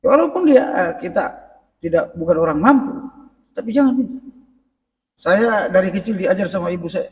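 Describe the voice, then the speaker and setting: A man's voice: high-pitched, animated, normal speed, pauses often, darkish tone. A middle-aged male preacher giving a conversational parenting lecture in a mosque and speaking directly to the congregation. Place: mosque hall. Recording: echoey mosque hall, mic at a distance.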